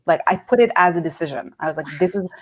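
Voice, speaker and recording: A woman's voice: fairly low pitch, fast talker. A middle-aged woman from Nazareth, a guest telling her career story in a casual interview and acting out quoted voices. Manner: animated, acts out quoted voices.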